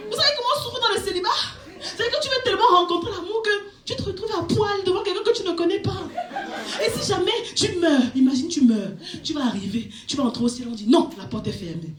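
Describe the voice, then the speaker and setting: A woman performing a stand-up comedy set on a club stage, telling her story with big animated swings and shrieks at the punchlines. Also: extremely high pitch, brisk, a crowd in the background. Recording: echoey club with audience noise. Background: audience laughter.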